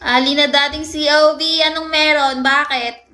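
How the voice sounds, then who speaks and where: A woman's voice: high voice, little pitch movement, moderate pace, sharp tone. A young woman live-streaming, chatting casually with her viewers in a playful, teasing way and laughing often. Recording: echoey room with faint noise.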